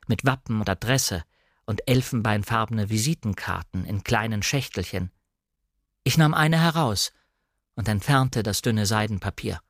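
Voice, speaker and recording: A man narrating a novel in a measured, even storytelling manner. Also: fairly low pitch, dry recording, clean studio sound. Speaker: reader. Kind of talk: scripted literary narration.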